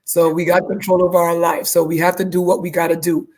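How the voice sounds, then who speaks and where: A woman from Guyana talks about her fitness classes in a casual interview over a video call. Her voice sits a little low and she stays upbeat, often circling back to restate what she just said. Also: little pitch movement, quick pace, darkish tone. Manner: upbeat, repeats herself while explaining. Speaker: fitness instructor, guest.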